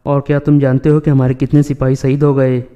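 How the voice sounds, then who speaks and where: Guy reading a stern chief giving orders, flat and mellow. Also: mid-range voice, smooth, muffled recording, close to an everyday voice.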